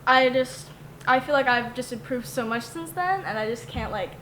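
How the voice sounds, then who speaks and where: A young woman, an illustrator, talking haltingly in a podcast interview, full of fillers. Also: sits high, lively intonation, fairly bright tone. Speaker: book illustrator. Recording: roomy, with clear noise.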